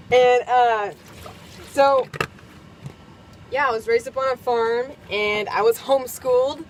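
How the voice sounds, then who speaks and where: Here a young Kentucky vlogger talks while cooking in her camper, her fairly high voice bubbly and giggly and packed with fillers such as "like" and "um." Background noise runs under the casual chatter.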